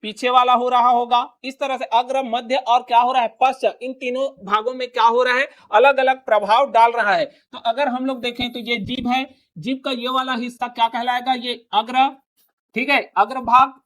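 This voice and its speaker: A man's voice: very high voice, flat delivery, moderate pace, fairly bright tone. A male teacher giving a classroom grammar lesson, asking his students question after question and repeating each answer back to them.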